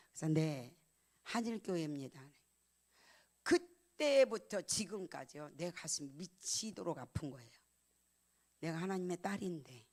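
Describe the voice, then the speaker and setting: A middle-aged woman pastor giving a sermon, telling a personal story with emotion and swinging from loud emphatic lines to hushed, almost whispered ones. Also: on the low side.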